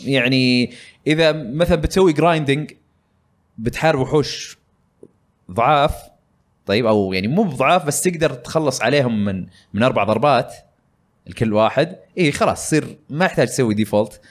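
A man's voice: mid-range voice, lively intonation, fast, pauses often. A man hosting a casual gaming podcast, talking in a rambling way with many fillers. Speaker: podcast host.

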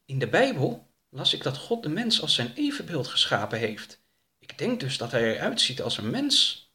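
A man voicing a naive, gentle traveller in a storybook reading, earnest and innocent. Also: high-pitched, very animated, normal speed, pitched above the performer's own voice, heavily acted. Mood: whispering.

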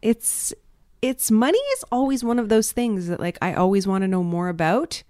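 A woman's voice: mid-range voice, expressive, normal speed, a little mellow, dry recording, clean studio sound. A woman hosting a podcast in casual, chatty conversation, laughing often. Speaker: podcast host. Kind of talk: casual chat.

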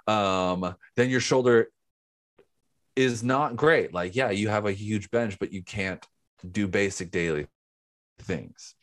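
A man's voice: mid-range voice, a bit bright. A man co-hosting a podcast in casual chat, explaining things step by step. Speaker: podcast co-host.

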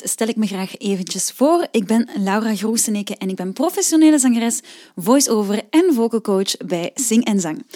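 A woman's voice: on the high side, warm tone. A Flemish woman in her thirties hosting a singing-lesson podcast, explaining exercises in a chatty way with frequent fillers. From Belgium. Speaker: podcast host and vocal coach.

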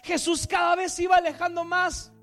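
A man with a very high voice preaching with dramatic intensity, painting the scene for his congregation. Soft music plays faintly underneath. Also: flat delivery, brisk. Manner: intense, vivid storytelling that addresses the listeners. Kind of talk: dramatic sermon storytelling.

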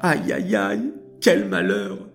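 A man's voice: a little high, wildly swooping pitch, takes it slowly, vocal fry, soft background music, voice pushed up, heavily acted. A man voicing a grieving older man in a children's story, wailing and pleading earnestly. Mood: anguished. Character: grieving older male cousin, wise.

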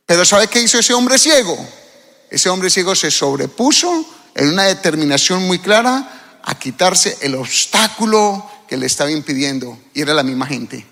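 A fervent preacher with a high, forceful voice who keeps asking his congregation questions. His sermon rings through a church hall with a long reverb. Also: very animated, normal speed, vocal fry.

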